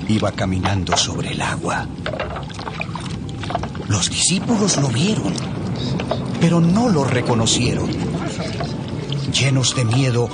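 A man narrating a Bible audiobook in a measured, expressive storytelling manner. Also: medium pitch. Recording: narration over background music.

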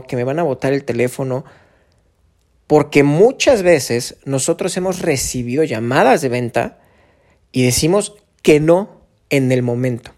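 A man's voice: a little high, a little mellow. A man with a Mexican accent hosting a solo podcast, talking conversationally in a coaching tone, asking rhetorical questions and using casual fillers. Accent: Mexican Spanish. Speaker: podcast host. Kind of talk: solo podcast monologue on sales.

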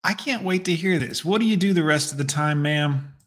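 A man with a fairly high voice delivers blunt, crude commentary. He mocks and scolds without holding back. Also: fairly quick, fairly bright tone. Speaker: commentator reacting to a radio clip. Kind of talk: profane reaction commentary.

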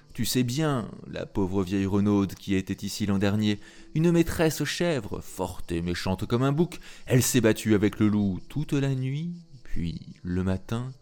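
A man's voice: lowish voice, expressive, a little slow, mellow. A man voicing a worried old farmer who fusses over his goat, in a storybook reading. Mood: fretful.

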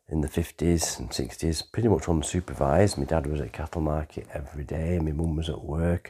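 Low husky older man. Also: dark tone. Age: 60s. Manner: rambling, conversational, with frequent pauses and restarts. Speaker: memoir author telling his life story. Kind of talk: unscripted autobiographical storytelling.

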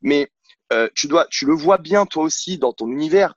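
A man's voice: a little high, lively intonation, moderate pace, no echo. Outspoken guy coach on a podcast, blunt, lots of restarts, dry kinda dull sound. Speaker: CrossFit coach, podcast guest. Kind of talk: casual conversational interview. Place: at home on a couch, filming himself. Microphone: camera mic.

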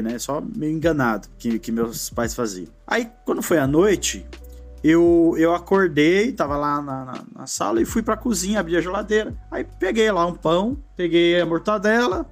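Brazilian man telling a story, fairly high voice. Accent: Brazilian Portuguese. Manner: reflective, often adds "né" and trails off. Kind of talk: casual conversational storytelling.

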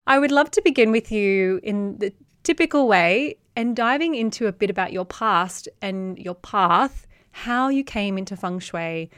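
A woman's voice: mid-range voice, animated, unhurried, hardly any pauses, a bit bright, smooth, no echo, studio quality. A woman hosting an interview, introducing her guest with polished, gushing welcomes. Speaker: interviewer host.

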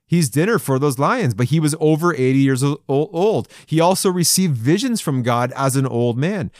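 With lively intonation at a normal pace, a man in his forties speaks in a slightly high, somewhat mellow voice. He's a men's devotional speaker offering a conversational, folksy sermon with chuckles and playful asides, recorded dry in studio quality.

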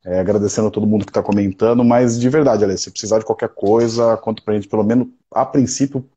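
A man's voice: fairly low pitch, fairly even intonation, fast talker, warm tone, breathy edge, muffled recording. A Brazilian man hosting a live online interview, asking casual, friendly questions. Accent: Brazilian Portuguese.

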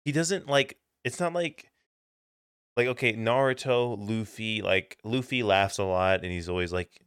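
A young man co-hosting a casual podcast chat, loose and profane, often laughing and mimicking yells. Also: fairly low pitch, measured pace, clean tone, no echo, clean studio sound. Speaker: podcast co-host.

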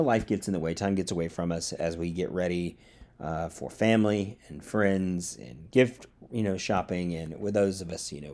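A man from the South, hosting a casual solo podcast from his apartment, rambling with fillers and chuckles, a bit tired. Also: low-pitched. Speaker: podcast host. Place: studio apartment.

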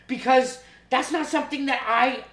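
High-voiced woman, blunt and laughing. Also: normal speed, fairly bright tone. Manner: laughs often, blunt, swears casually. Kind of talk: casual debate chat. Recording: roomy echo.

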